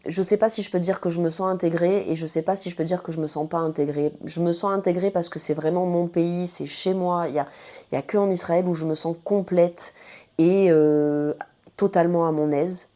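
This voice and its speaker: A woman's voice: on the low side, steady tone, brisk, warm tone. A woman from France with a French accent, chatting casually to her viewers as she answers their questions, full of fillers and self-corrections. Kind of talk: casual Q&A chat to camera.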